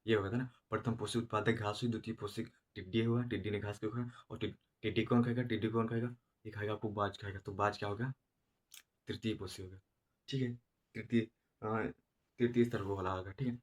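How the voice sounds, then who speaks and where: Male teacher, monotone delivery, slow and repetitive, headache-weary exam lesson. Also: fairly low pitch. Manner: slow, repetitive explaining with many filler checks. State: has a headache. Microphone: no proper voice recorder.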